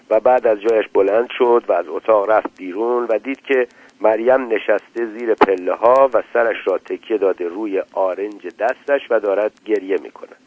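A man calmly reading a short story aloud as narrator, in a measured way. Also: on the low side, no echo. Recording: tinny dry lo-fi radio recording.

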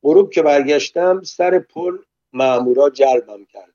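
Guy doing a shy polite middle-aged guy, a bit raised and louder, dull recording. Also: fairly high pitch, no room sound, lightly acted. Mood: sheepish. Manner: polite, bashful. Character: shy middle-aged man, newly dressed.

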